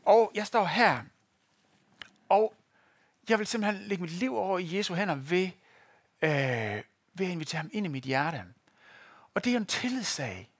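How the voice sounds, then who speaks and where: A man's voice: high voice, expressive, long pauses, husky, no room sound. A man preaching a sermon to a congregation, telling stories and addressing listeners directly. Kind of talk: sermon with a live demonstration. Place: church in front of a congregation.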